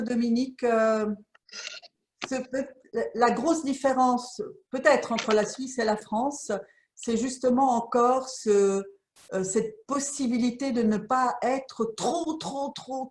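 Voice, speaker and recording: A woman with a slightly high voice moderates an online discussion, brisk and encouraging as she hands the floor to others. Her voice rings with the echo of a bare room. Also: a little mellow, slight background noise. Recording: echoey room sound.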